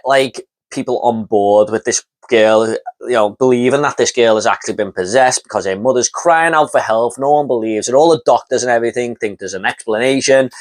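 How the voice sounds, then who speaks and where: A man giving a casual, enthusiastic spoken review of horror films, rambling with lots of fillers and repeating words as he starts a thought. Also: mid-range voice. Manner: enthusiastic, rambling, with many fillers like "you know" and "and everything".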